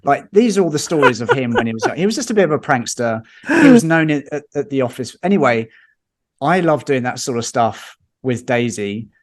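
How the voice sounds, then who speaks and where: A man, a podcast guest chatting casually and telling lively anecdotes with chuckles. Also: medium pitch, fairly quick.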